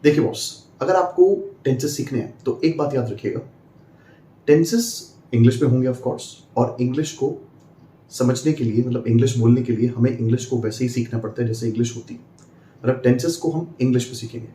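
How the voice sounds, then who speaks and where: A man's voice: mid-range voice, fairly quick, dark tone, roomy sound, slight background noise. A man teaching an English lesson at a board, emphatic and repetitive as he coaxes his viewers along. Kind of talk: bilingual classroom-style lesson. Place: indoor room with a board.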